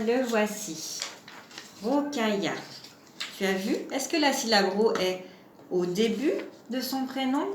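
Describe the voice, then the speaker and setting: A woman teaching young children a home lesson, slow and patient, asking questions and stretching out syllables. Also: a little high, reverberant, slight background noise. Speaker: preschool teacher.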